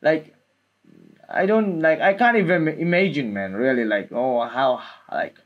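A man gives casual reaction commentary in a halting, repetitive way, often saying "like" and "man". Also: a little high, dull audio. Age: 20s. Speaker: music video reactor. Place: small room indoors. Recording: music playing behind the voice. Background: music from the video being watched.

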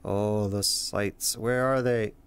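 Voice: mid-range voice, steady tone, slow, noisy background. A host giving casual, jokey commentary over a video game, playful and given to exclamations. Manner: playful, exclaiming, swearing at slips.

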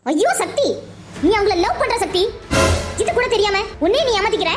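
A pushy young woman in a cartoon, teasing her friend with one needling question after another, voiced by a woman. The voice is very high and the questions tumble out fast. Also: animated, music in the background. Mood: insistent. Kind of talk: Tamil cartoon dub.

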